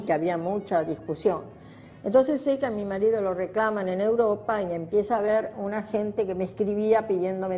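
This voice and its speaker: A mellow, medium-pitched voice belongs to an older Argentine woman recounting her life in an interview. She looks back spontaneously and reflectively, driving points home by repeating them.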